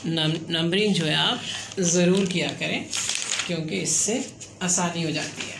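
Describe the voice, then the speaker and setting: A woman's voice: on the low side, steady tone, measured pace, vocal fry, noisy background. A woman explaining a children's writing lesson step by step, counting letters aloud and checking in often. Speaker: teacher.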